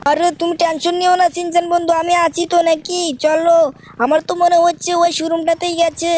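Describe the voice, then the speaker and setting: A woman's voice: extremely high pitch, level tone, fairly quick, a little mellow. A woman voicing a cheerful, loyal cartoon cat in a fan-dubbed game video, chirpy and reassuring. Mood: worried.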